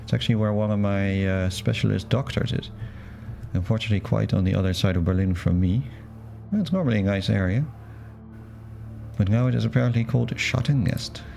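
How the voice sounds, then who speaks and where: A man's voice: fairly low pitch, fairly quick, vocal fry, soft background music. A man streaming a game, musing wryly in casual commentary and reading out the story. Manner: relaxed, musing, wry. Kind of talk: casual let's-play commentary and narration.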